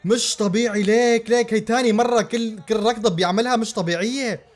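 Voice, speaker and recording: Male football reactor, pitched high, loud repeated exclamations. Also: fast talker. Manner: excitable, exclaiming and repeating himself. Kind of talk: live match reaction.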